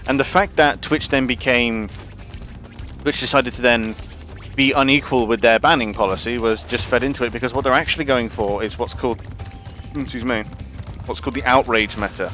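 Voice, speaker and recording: A man's voice: mid-range voice, normal speed, pushed and bright, a little hiss or hum. A man ranting casually and profanely on a gaming livestream, rambling with lots of restarts. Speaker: gaming streamer.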